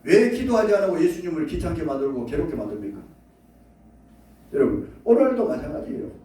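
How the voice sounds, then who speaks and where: A male pastor preaching a sermon, animated, acting out quoted prayers and leading the congregation to repeat after him. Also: on the high side, brisk. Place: church sanctuary. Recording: echoey church hall from far off.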